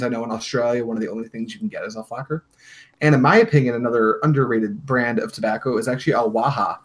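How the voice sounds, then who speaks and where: Easygoing man hosting a casual stream. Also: mid-range voice. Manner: easygoing, agreeable, chatty. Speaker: livestream host. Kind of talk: casual livestream chat about hookah tobacco.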